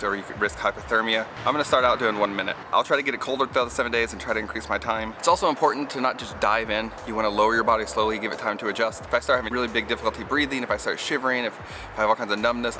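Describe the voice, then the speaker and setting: A man's voice: fairly low pitch, background noise. A man talking casually to camera outdoors as a vlogger. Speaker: vlogger doing a cold plunge challenge. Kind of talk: casual vlog talk to camera.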